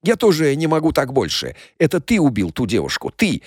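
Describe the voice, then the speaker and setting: A man's voice: a little high, huge pitch swings, brisk, a little mellow, slightly rough, no echo, studio quality, exaggerated voice. A man voicing a clumsy, bulky young man in an audiobook crime story, desperate and pleading.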